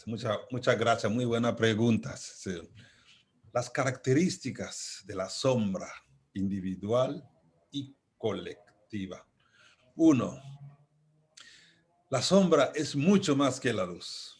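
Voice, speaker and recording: As an invited speaker, a Congolese man gives a reflective, philosophical talk in his native accent. His medium-pitched voice has lively intonation, and he speaks deliberately and emphatically, repeating key phrases.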